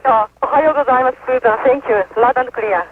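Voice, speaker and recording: A woman astronaut speaking in short calls over a radio link during a communications check. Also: a little high. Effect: radio transmission. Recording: tinny, noisy spacecraft radio link.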